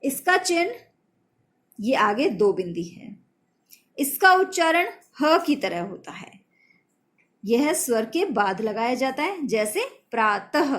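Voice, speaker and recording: A woman teaching a children's grammar lesson, slow and patient, spelling out letters and sounds one by one. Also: high voice, big pitch swings, a bit bright.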